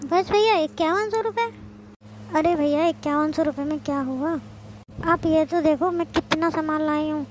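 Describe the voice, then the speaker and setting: A woman voicing a lively, outspoken young married sister in a cartoon, talking in a chatty, reasoning way. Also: high voice, normal speed, noisy background, natural voice. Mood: arguing. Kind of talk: cartoon voice acting. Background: background music.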